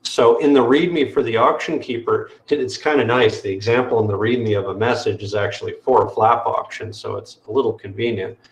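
A man walking through software on a screen-share video call, explaining step by step with frequent fillers. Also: mid-range voice, reverberant. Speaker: developer demoing software. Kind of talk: technical screen-share walkthrough.

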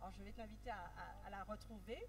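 A woman's voice: mid-range voice, fast talker. A woman moderating a live round-table, speaking into a handheld microphone and handing over to guests. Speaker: panel moderator. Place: dark event stage at an art fair. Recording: noisy live venue with long reverb.

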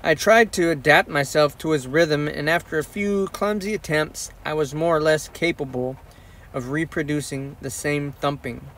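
A man reads an audiobook in a measured, steady first-person voice. His pitch sits a little high for a man. A faint hiss runs under the recording. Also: far from the mic. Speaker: audiobook reader. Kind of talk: audiobook narration.

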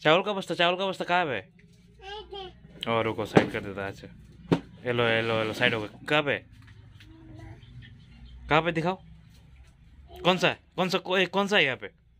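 A man with a bright, forceful voice talks in a relaxed home vlog, coaxing his little daughter and repeating each question several times. A faint hiss of noise sits under his voice, recorded at home. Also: fairly high pitch, moderate pace, pauses often. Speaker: father filming his daughter. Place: home, indoors.

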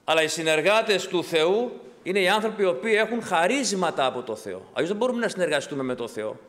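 A man with a notably high voice preaches with fervour, posing questions to his congregation and answering them. His words ring out with a long reverb from the church hall around him. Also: lively intonation, fairly bright tone. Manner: impassioned preaching with rhetorical questions. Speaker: pastor. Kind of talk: sermon.

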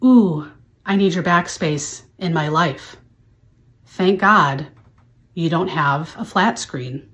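A woman's voice: low-pitched, slow pace, long pauses, fairly bright tone. A woman in her thirties giving a hammy, mock-earnest dramatic reading of song lyrics, like a stage actor. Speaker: host. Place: small furnished room indoors. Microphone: handheld microphone close to mouth.

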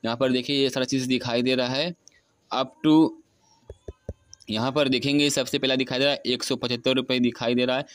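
An unscripted screen-recording walkthrough features a young man of about twenty guiding viewers through a phone app step by step, repeating himself as he goes. His mid-range voice holds a steady tone at a moderate pace, with no echo.

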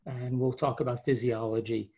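A man who is a high-performance coach, presenting a webinar over a video call with enthusiastic, rambling delivery and frequent restarts. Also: little pitch movement, normal speed, dark tone, husky.

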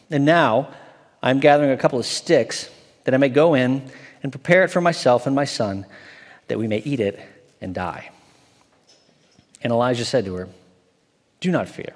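A man in his forties, an associate pastor, reading scripture aloud in a measured way and then preaching a sermon. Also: medium pitch. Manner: measured, reads aloud slowly from an open Bible. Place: church stage, large indoor hall. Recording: long hall reverb from a church sanctuary.

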